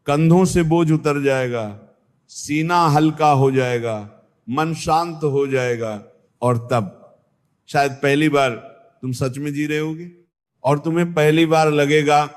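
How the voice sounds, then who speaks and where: A man as a spiritual teacher giving a discourse, measured and repetitive, speaking straight to the listener and asking them questions. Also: fairly high pitch.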